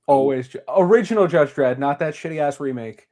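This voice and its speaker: A man in his thirties with a New England accent, a guest co-host joking in an animated way in casual podcast chat. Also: on the high side. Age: 30s. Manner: animated, jokey, quick laughs.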